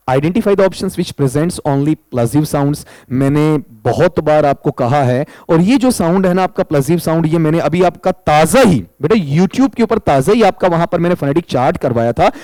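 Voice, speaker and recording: A man's voice: fairly high pitch, expressive, moderate pace, hardly any pauses, dark tone, no echo, poor audio. A male exam-prep teacher, walking students through answers and breaking words into single sounds. He speaks close to the mic in a dry, dead room. His tone stays patient and explanatory. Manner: addresses students as "beta", spells sounds out one by one.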